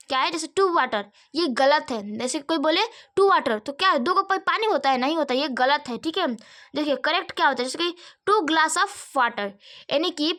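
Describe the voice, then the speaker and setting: High, bright-voiced Hindi-accented woman teaching. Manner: repeats questions and answers them herself, frequent "theek hai". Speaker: grammar teacher. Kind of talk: online grammar lesson.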